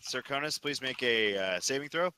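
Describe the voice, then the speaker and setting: A man's voice: mid-range voice, expressive, normal speed, bright, forceful tone, slight background noise. A man running a tabletop game as dungeon master, giving dry rulings and often laughing.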